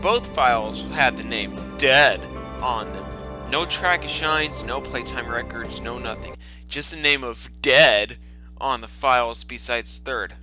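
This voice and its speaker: With video game music in the background, a medium-pitched man takes his time over a dramatic storytime reading. He punctuates it with sarcastic, swearing, exclamatory jabs of mockery.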